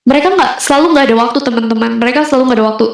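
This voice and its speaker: A woman's voice: a little high, racing. Young woman with a hesitant, chatty delivery. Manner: conversational with frequent fillers and hesitations. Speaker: convert giving a personal testimony. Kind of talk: casual spoken testimony. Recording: very echoey room.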